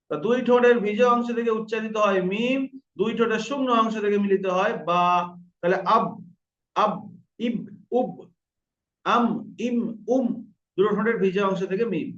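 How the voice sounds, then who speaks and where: High-voiced male teacher in an echoey room. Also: a bit bright. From India. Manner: patient, repeats sounds slowly to demonstrate them. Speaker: Quran recitation teacher. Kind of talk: online lesson on pronunciation. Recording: roomy, distant, dull lo-fi sound.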